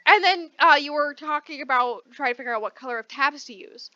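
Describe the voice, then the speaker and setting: A woman's voice: sits high, a little fast, bright, forceful tone, no echo, dull audio. A woman co-hosting a podcast in casual chat, talkative and teasing as she tells stories. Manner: chatty, storytelling, teasing. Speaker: podcast co-host.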